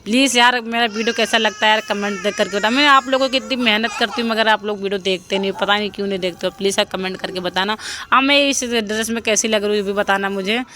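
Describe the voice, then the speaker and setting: A woman's voice: medium pitch, steady tone, fast. A young woman narrating her home video in a chatty voice-over, often pleading with viewers to comment. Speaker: family vlogger.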